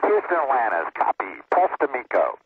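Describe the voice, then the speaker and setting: A man's voice: mid-range voice, huge pitch swings, normal speed, vocal fry, husky, no echo. A shuttle crew member, a man, giving clipped procedural readbacks over a crackly space-to-ground radio link. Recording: tinny noisy radio transmission.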